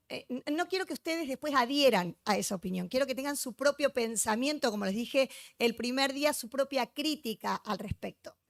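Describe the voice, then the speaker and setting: A woman's voice: high-pitched, fairly bright tone, no room sound. A woman giving a joking, chatty conference lecture, teasing her live audience. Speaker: conference speaker.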